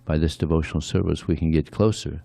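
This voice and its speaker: A man's voice: very deep voice, fairly even intonation, quick pace, creaky, warm tone, dry recording. A man giving a conversational devotional sermon, often adding "yeah" between points. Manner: conversational, frequent "yeah" asides. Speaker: speaker at a temple.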